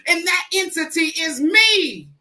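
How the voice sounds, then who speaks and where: A woman motivational speaker with a deep voice delivers an inspirational spoken-word talk, preaching in a repetitive, rhythmic cadence and calling out to the crowd. She's expressive and forceful, with a bright tone and a measured pace.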